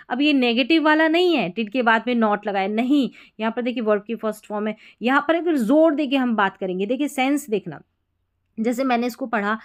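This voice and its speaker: A woman teaching English grammar in a patient, explaining way, repeating key points and reading example sentences out slowly. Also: a little high.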